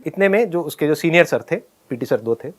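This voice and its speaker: Man telling a lively story. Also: a little high, fairly quick. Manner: laughs often, acts out his own shouts. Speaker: speaker telling a school story. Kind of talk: animated personal storytelling.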